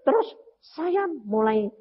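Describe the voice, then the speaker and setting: An older man preaching a sermon through personal testimony, acting out dialogue and swinging between loud high outbursts and low quiet lines. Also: big pitch swings, slow pace. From Central Java, Indonesia. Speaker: evangelist preacher. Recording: dull lo-fi sermon recording with faint noise.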